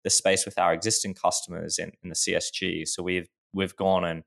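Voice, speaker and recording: A man's voice: low-pitched, little pitch movement, fairly quick, creaky, fairly bright tone. A man in his twenties, a startup founder guest in a casual podcast interview, explaining his work with frequent restarts and fillers. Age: 20s.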